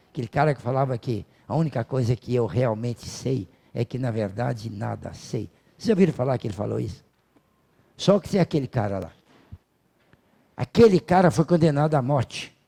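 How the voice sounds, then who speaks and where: A man with a Brazilian accent giving a spiritist lecture, telling stories in a casual, animated way. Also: a little high, creaky. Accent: Brazilian Portuguese. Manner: animated, colloquial storytelling with acted quotes.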